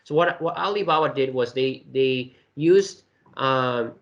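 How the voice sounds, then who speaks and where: A man's voice: mid-range voice, measured pace, muffled recording. Hesitant man from China explaining. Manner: hesitant, many fillers and restarts. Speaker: interview guest. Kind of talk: casual explanatory interview talk.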